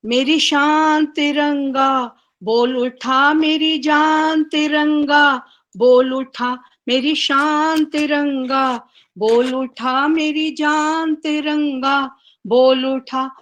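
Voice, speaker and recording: High-voiced woman reciting poetry very slowly. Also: fairly even intonation, a bit bright. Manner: chanted verse with repeated lines. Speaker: guest poet.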